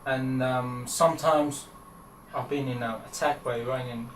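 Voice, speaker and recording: A man's voice: medium pitch, fairly even intonation, a little hiss or hum. Young guy from afghanistan, hesitant answers, lots of ums, roomy far-off sound. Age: young adult. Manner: hesitant, halting with fillers. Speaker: interviewee. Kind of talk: interview answers. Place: small indoor room. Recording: echoey room, from far off.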